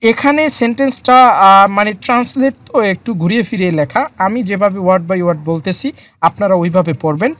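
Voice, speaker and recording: A teacher explaining a textbook lesson in a slow word-by-word way, repeating each term with frequent fillers. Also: mid-range voice, fairly bright tone, no echo. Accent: Bangladeshi Bengali. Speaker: Korean language teacher. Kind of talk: lesson explaining vocabulary and grammar.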